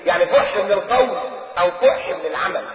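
A man with an Egyptian Arabic accent preaching a lively colloquial sermon, joking and mimicking voices as he talks. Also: sits high, fast, heavy background noise. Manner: animated, mimics voices, jokes with audience. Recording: distant echoey hall, muffled old tape.

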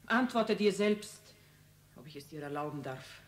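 A stern, guarding daughter. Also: female voice, deep voice, animated, normal speed. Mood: firm, hushed. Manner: firm, controlled, hushed. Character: stern grown daughter guarding her dying father. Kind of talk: radio play acting.

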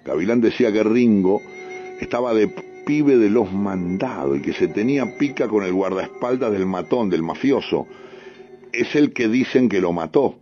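A man's voice: fairly low pitch, warm tone. A middle-aged man with a Rioplatense accent telling a rambling, streetwise story and acting out the dialogue himself. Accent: Rioplatense Spanish. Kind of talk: spoken storytelling monologue. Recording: dull lo-fi recording with faint music.

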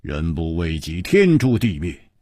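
A male storyteller voicing a calm, wry gentleman hero who speaks in an unhurried, easy way. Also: low voice, no room sound, voice pushed down, heavily acted. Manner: unhurried, dry and easygoing. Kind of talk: Chinese storytelling broadcast.

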